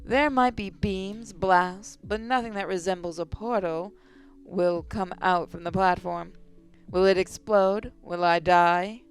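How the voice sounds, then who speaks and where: A young woman voicing a nervous, excitable young female inventor, narrating in first person with a breathless, shaky voice. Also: mid-range voice, unhurried, clean tone, soft background music, natural voice. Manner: breathless, voice shaking when excited.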